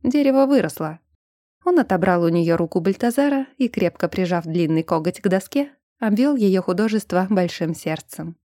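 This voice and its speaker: A woman narrating an audiobook in a steady, even reading. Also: on the low side, normal speed, hardly any pauses, no echo, clean studio sound. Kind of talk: scripted narration.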